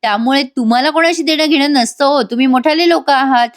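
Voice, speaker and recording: A woman's voice: sits high, fast, pitched above the performer's own voice, close to an everyday voice. A woman voicing a firm, stubborn young woman shopkeeper who refuses a deal.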